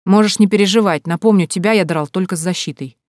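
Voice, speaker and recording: A curt, angry grown man, as a woman reader voices him in a clipped delivery. He cuts his relatives short in a lowish, dry, close-miked audiobook read. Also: fast talker, dry recording, lightly acted. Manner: clipped, cold.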